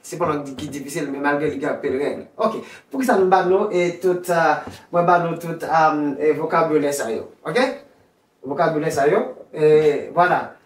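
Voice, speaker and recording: A Spanish teacher, repeating vowels and words slowly and drilling them one by one. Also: medium pitch. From Haiti. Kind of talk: classroom lesson. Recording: roomy echo, distant from the mic.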